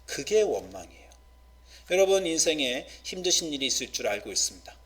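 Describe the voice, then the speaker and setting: A man's voice: a little high, big pitch swings, husky. Emphatic Korean male pastor preaching. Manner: emphatic, swinging between soft asides and loud stress; frequent filler pauses. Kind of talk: sermon.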